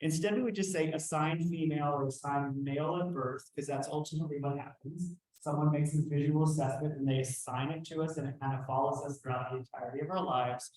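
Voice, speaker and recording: In a rough, echoey recording, a Texan trainer with a light drawl gives a workshop lecture in a conversational style full of fillers, restarts and self-corrections. His voice sits on the high side with a darkish tone, and he talks fast and steadily with few pauses.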